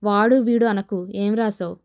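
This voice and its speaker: A woman voicing a proud, sharp-tongued young rich woman who answers in curt, scornful retorts. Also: medium pitch, steady tone, unhurried, lightly acted.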